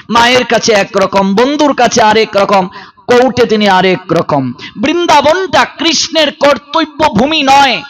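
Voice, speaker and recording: A man's voice: extremely high pitch, poor audio. A man preaching a devotional sermon, telling stories and voicing the people in them, asking the listeners rhetorical questions, and at times chanting verse. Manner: expressive storytelling, voicing characters in quoted scenes.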